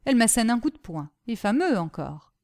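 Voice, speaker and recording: A woman's voice: a little high, very animated, a little fast, warm tone. A woman doing a naive eager peasant boy. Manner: naive, eager, breathless storytelling. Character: simple-minded earnest young peasant boy.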